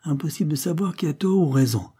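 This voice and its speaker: A man's voice: on the high side, animated, fast, warm tone, slightly rough, pitched above the performer's own voice. A man voicing a practical male police sergeant who speaks in a matter-of-fact, official tone.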